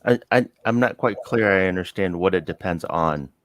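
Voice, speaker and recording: A man with a very low voice talks through his ideas in a casual interview, checking in often with his guest. The sound is close and dry, with no room echo. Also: moderate pace. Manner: thinks aloud, checks in with "right?".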